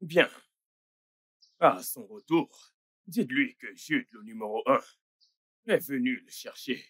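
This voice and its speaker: A polite, mysterious visitor with a husky voice. The dubbed-film sound is dry and close. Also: mid-range voice, expressive, takes it slowly, a bit bright, no echo, heavily acted.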